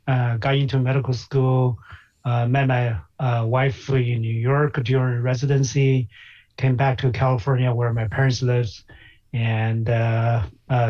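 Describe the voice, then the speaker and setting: A Chinese man, a physician and investor appearing as an interview guest, speaks at medium pitch with a slightly mellow tone. He's hesitant, pausing often with fillers, and the call audio sounds a little dull.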